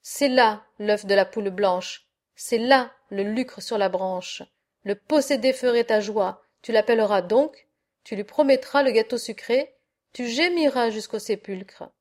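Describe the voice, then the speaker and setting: A woman's voice: on the high side, a little slow, close to an everyday voice. A woman voicing a stern old bearded peasant father who scolds his son in proverbs, in a storybook reading. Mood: scolding. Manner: sententious, proverb-laden rebukes.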